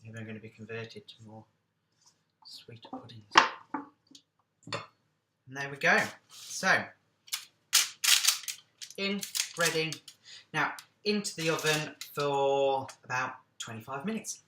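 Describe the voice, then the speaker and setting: A man's voice: mid-range voice, lively intonation, slow pace, long pauses, echoey room, heavy background noise. A man hosting a casual cooking vlog, chatting along with jokey, self-deprecating asides.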